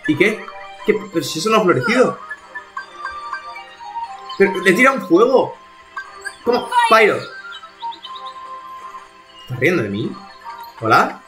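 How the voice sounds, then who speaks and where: A man's voice: high-pitched, very animated, measured pace, pauses often, music in the background. A man from streaming a video game live, talking to himself in exasperated bursts and swearing as he plays. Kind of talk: live gameplay commentary.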